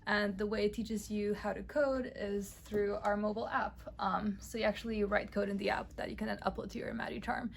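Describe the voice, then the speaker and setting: A young woman from Romania with a slightly gravelly edge to her voice speaks at a middle pitch, easygoing and full of little fillers. She answers questions casually while walking through an office. Faint noise sits under the recording. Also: fairly quick, hardly any pauses, low-quality recording. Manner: relaxed, many "um" and "I guess" fillers. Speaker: startup cofounder and lead developer. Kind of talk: casual interview and office tour.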